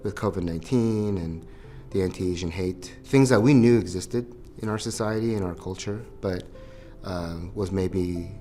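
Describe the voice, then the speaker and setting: An American man with a deep voice answers interview questions conversationally and often pauses on hesitant fillers. Faint music plays behind him. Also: dark tone. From United States. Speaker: interview guest.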